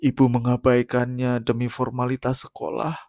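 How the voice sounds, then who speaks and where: Man acting as older female teacher, guilt-ridden, quavering, hoarse, softly spoken, creepypasta horror story, dry recording. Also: mid-range voice, completely flat delivery, moderate pace, no echo, close to an everyday voice. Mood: tearful regret. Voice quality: hoarse, trembling. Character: guilt-ridden older female schoolteacher confessing, trembling and tearful. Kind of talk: creepypasta horror narration, character dialogue.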